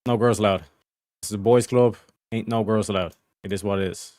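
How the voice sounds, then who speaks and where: Playing a game on stream, this man jokes around with chat and curses freely. His voice sits on the low side with fairly even intonation, brisk and a little mellow, recorded at studio quality with no echo.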